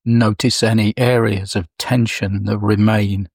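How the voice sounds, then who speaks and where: Slow, low-voiced man guiding meditation. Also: flat delivery, gravelly, no echo, studio quality. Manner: slow, soft, soothing delivery with long pauses. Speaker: meditation guide. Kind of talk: guided meditation.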